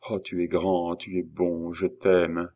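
Man voicing a teary young woman, soft pleading tone, deep voice underneath. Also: completely flat delivery, takes it slowly, highs cut off. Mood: tearful. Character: tearful young woman, frightened wife.

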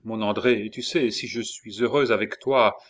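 Storybook young wife, affectionate and lively, voiced by a male narrator with a lift in pitch. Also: moderate pace, lightly acted. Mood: tender.

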